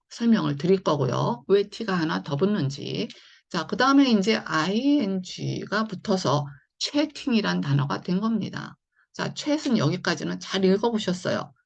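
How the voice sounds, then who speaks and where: A woman's voice: fairly low pitch, vocal fry, husky, lo-fi sound. A woman teaching English phonics in an online lesson, explaining patiently and going over each point more than once. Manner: patient, repetitive explaining with frequent "자" and "네".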